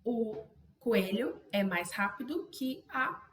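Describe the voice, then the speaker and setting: A Brazilian woman teaching an English grammar lesson, chatty and casual, often adding quick tag questions. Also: fairly high pitch, lively intonation, fairly bright tone, reverberant. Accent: Brazilian Portuguese. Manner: chatty, self-interrupting, frequent "né?" tags. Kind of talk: online language lesson.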